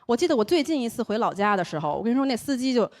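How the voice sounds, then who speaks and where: On a comedy stage before a live audience, a young Taiwanese woman with a Beijing accent performs a stand-up set. Her voice sits on the high side and she talks very fast, telling stories lively with quoted voices.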